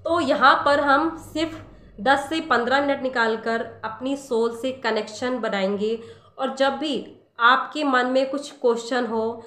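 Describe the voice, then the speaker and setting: A woman's voice: high-pitched, unhurried, bright, forceful tone. A woman giving a casual spiritual talk on meditation, speaking straight to the listener and asking rhetorical questions. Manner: conversational, addresses listener directly with rhetorical questions. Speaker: meditation teacher. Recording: echoey room.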